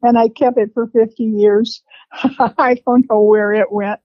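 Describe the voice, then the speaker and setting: A woman in her seventies telling family memories in a rambling, unhurried way with laughs between stories. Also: a little high, steady tone, dry recording. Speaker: interviewee, family matriarch. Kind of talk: reminiscing conversation. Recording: dry, slightly dull lo-fi sound.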